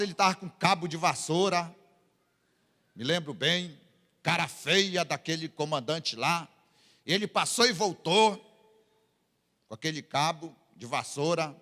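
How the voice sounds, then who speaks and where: Brazilian male pastor, sermon, slow and bright, long church reverb. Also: a little high. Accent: Brazilian Portuguese. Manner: dramatic preaching, voicing the scripture lines.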